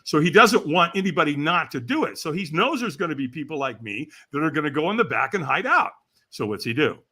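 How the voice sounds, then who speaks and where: Lively, bright-voiced storytelling man in his sixties. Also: a little high, brisk. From California. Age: 60s. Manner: lively, acts out quoted voices, laughs while telling. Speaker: podcast guest. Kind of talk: animated storytelling.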